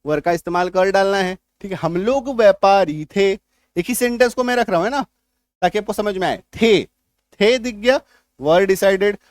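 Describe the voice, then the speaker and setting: High-voiced man teaching grammar, dry sound. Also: moderate pace, no echo. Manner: explains step by step, often checks "clear?". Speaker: English teacher. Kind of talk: grammar lesson.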